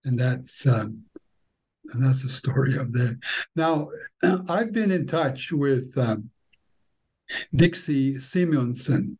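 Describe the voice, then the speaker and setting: An older man with a husky voice, recounting history haltingly, often repeating words as he searches for the next one. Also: mid-range voice, expressive, dark tone. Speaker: interviewee telling family war history. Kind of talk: spoken historical recollection.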